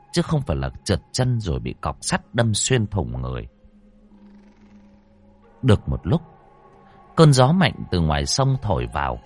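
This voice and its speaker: A man narrating a ghost story in an expressive, dramatic storytelling manner. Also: on the low side, slightly rough. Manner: expressive, rising and falling storytelling. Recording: dry close mic with faint music.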